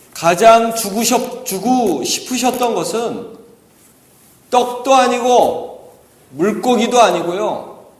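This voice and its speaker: Male pastor, fairly high voice, dawn sermon, rhetorical questions, reverberant sanctuary. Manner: asks rhetorical questions, acts out quoted lines. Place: church sanctuary. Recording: echoey church hall with long reverb.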